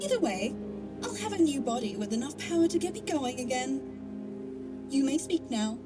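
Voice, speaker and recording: Music runs beneath this audio-drama rabbit villainess, a showboating trickster whose mocking, hammy delivery recalls a stage host enjoying her own spectacle. Her voice is high and very animated at a moderate pace, and she sounds gloating with an edge of menace.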